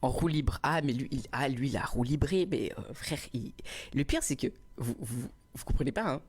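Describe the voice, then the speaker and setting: A young man telling a story on a live stream in casual chat, animated and laughing often, acting out a quarrel loudly, on a small clip-on mic indoors. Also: medium pitch, moderate pace, slightly rough. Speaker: livestreamer.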